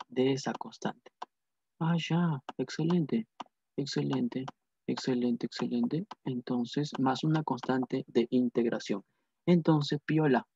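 A man's voice: mid-range voice, gravelly, mellow, breathy edge. A man teaching a math lesson, repeating phrases and asking and answering his own questions. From Peru. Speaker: math tutor. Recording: dull lo-fi dry sound.

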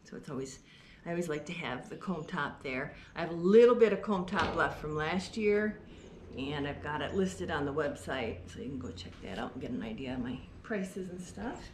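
A middle-aged sheep farmer who sells fleece chats enthusiastically in a low, animated voice at a moderate pace while working at a fleece-skirting table in a barn. A tripod camera a few feet away captures her casual demonstration amid echo, faint ambience, and background noise.

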